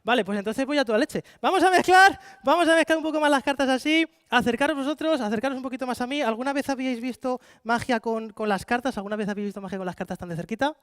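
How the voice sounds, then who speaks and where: A Spanish man performing card magic at a rapid clip, his voice very high for a man. He coaxes volunteers with playful showman patter, and the sound is dry and close. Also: fairly bright tone, clean tone, no echo. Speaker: stage magician. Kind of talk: live card-magic show with audience volunteers. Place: conference hall with live audience.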